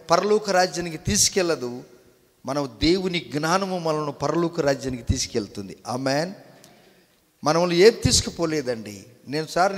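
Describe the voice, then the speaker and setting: A male pastor with a fairly high voice preaches emphatically, dropping to quiet asides and then rising to loud, stretched-out proclamations. He keeps quizzing his listeners with questions. The sound carries a long reverb, as in a church hall. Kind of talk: Sunday sermon.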